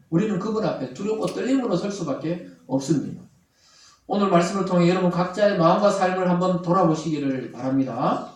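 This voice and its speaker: A male pastor, preaching a sermon in a church sanctuary in an animated way. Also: high-pitched. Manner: animated preaching, acting out angry quoted voices. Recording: very echoey hall, from far off.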